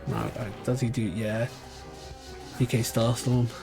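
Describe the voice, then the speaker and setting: A man's voice: medium pitch, level tone, a little slow, vocal fry. British guy chatting away on a speedrun stream, accent wandering all over the country, normal mid voice, bit of game music behind. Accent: British, shifting between regions. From Britain. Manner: chatty, rambling, thinking aloud. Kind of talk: live-stream gameplay commentary.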